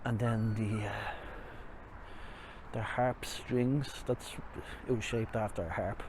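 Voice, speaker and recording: A slow-speaking Irish man with a lowish, fairly even voice wears a face mask as he rambles casually through a walking tour, making fun of himself along the way. Vehicles and street noise fill the noisy outdoor recording beside a city river.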